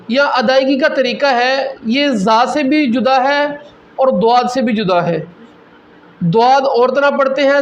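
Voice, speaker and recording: High-voiced man teaching a religious lesson. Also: muffled recording, a little hiss or hum. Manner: explanatory, repeats key points with "theek hai". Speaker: mufti teaching Islamic law.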